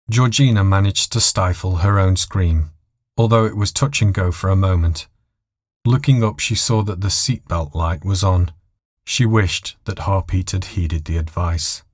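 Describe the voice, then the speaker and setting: A man's voice: low voice, husky, no room sound, clean studio sound. A man reading scripted dramatic story narration as the narrator.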